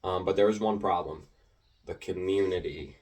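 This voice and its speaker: A teenage boy telling a rambling, animated story about playing an online game, with lots of filler words and restarts. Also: low-pitched, moderate pace, distant mic. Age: teens. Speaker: gaming video creator. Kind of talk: casual storytelling commentary.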